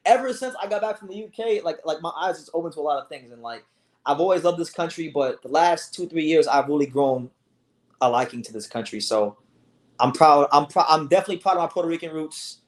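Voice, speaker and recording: A young man from South Florida hosting a casual livestream, talking in an animated way with lots of restarts and swearing. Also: on the high side, brisk. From South Florida, USA. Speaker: livestream host. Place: home, sitting on a beanbag chair.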